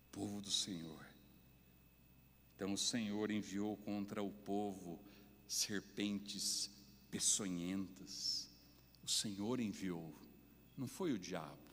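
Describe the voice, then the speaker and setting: Brazilian guy preaching slow and low in a church, lots of hall echo. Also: fairly bright tone, slight background noise. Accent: Brazilian Portuguese. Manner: slow, deliberate preaching with emphatic rises. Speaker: pastor. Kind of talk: sermon. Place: church sanctuary. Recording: long reverb of a church hall.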